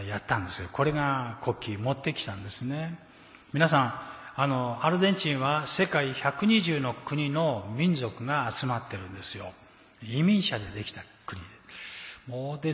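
A man's voice: mid-range voice, a bit bright. Japanese male pastor preaching in a hall. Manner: storytelling, quotes scripture emphatically. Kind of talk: sermon. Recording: echoey hall with long reverb.

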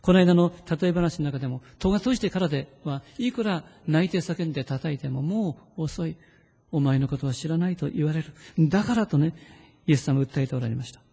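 A male pastor delivers an earnest, pleading sermon in a dark, gravelly voice. Now and then he slows to lead a prayer read aloud. A long reverb from the church hall trails behind his words. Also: fairly high pitch, expressive.

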